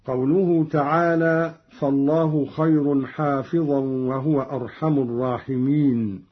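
A male recitation teacher explaining readings in a measured way and chanting each verse slowly. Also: mid-range voice, fairly even intonation, breathy edge, lo-fi sound.

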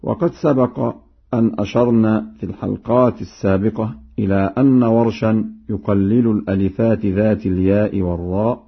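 A man teaching Quran recitation, explaining each reading and then chanting the verse example slowly. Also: lowish voice, steady tone, vocal fry, breathy edge. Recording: narrow phone-like sound.

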